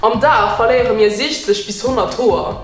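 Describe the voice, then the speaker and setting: Higher-voiced young Luxembourgish woman, echoey room. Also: normal speed. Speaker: video co-host. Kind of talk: casual chat presenting facts and tricks. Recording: echoey room with music behind. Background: music.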